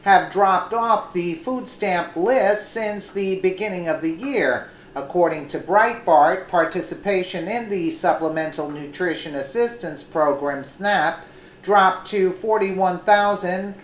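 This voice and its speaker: A woman hosting a news commentary segment, reading her script deliberately and correcting herself now and then. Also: lowish voice, echoey room, a little hiss or hum, rough recording. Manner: slow, deliberate reading with an occasional self-correction.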